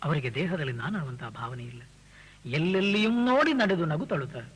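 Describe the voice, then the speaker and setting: A man with a high, bright voice delivers a spiritual discourse, explaining verses to his listeners as their teacher. He slows right down to recite each verse, drawing the lines out, then returns to plain explanation full of rhetorical questions. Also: animated, breathy edge, low-quality recording.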